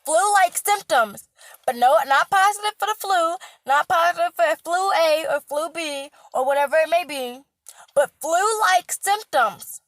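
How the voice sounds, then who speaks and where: High-pitched woman, casual vlog rant, insistent and repetitive, dry close sound. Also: normal speed, few pauses, dry recording. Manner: emphatic, repetitive, stressing words loudly. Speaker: healthcare worker vlogger.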